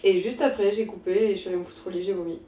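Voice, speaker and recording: A woman's voice: medium pitch, steady tone, rapid-fire, mellow. A woman talking casually in an informal, slangy, chatty vlog style. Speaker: vlogger. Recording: echoey room with background noise.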